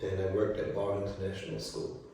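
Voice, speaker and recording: A middle-aged man from New Zealand, a teacher, answering interview questions in a relaxed, rambling way with many fillers. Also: low voice, a little fast, creaky. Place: school room. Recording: echoey room from far off.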